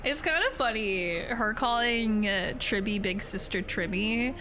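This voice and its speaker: A woman's voice: mid-range voice, animated, measured pace, a crowd in the background. A woman streamer giving casual, rambling reaction commentary on a video game, jokey and informal. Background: game music.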